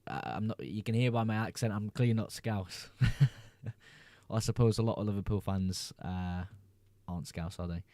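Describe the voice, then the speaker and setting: Casually working through comments on his livestream, a young English host reads each viewer's message out before responding in an easygoing, laid-back manner. He speaks at a moderate pace with a mellow, lowish voice, recorded close and dry with no room sound.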